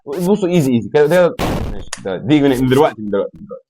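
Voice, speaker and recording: A young man with an Egyptian accent giving excitable let's play commentary, talking to himself and the game and yelling in frustration. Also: medium pitch, racing, slight background noise. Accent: Egyptian Arabic. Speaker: gaming YouTuber.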